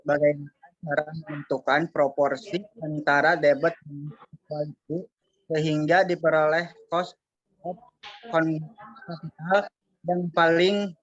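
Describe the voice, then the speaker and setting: A man's voice: a little high, flat delivery, slow, no echo. Man on a choppy, breaking-up call line. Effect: choppy, breaking-up call audio. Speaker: student asking a question. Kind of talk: online class discussion. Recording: dull, distant online-call audio.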